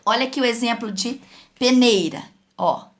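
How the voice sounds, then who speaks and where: Teaching grammar online to kids, a young Brazilian woman sounds patient and sing-song, regularly checking in with the class. Her voice is on the high side and her pace is moderate. She speaks with a Brazilian Portuguese accent and works as a school teacher.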